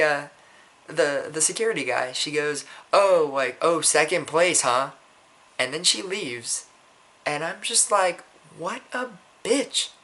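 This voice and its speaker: Bright-voiced guy rambling through a story. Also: fairly high pitch. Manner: rambling, frequent restarts, blunt and profane. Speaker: vlogger. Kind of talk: casual storytelling.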